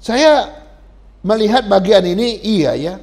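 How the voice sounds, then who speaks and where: A man's voice: high-pitched, lively intonation, takes it slowly, a little mellow. A male pastor giving a sermon in a conversational style, often turning to address the congregation directly.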